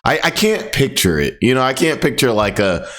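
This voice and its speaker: A man's voice: mid-range voice, very animated, moderate pace, a bit bright. A man hosting a commentary video, talking in a laid-back, rambling way, full of fillers and laughs. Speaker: commentary channel host. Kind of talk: casual commentary.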